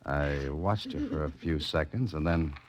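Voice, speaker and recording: In a noisy, muffled vintage 1940s radio recording, an American man with a rumbling low voice speaks at a measured pace. As lead actor and narrator of a suspense drama, he plays a tough, wry adventurer-sleuth, narrating tensely and pressing for answers in a clipped, insistent delivery.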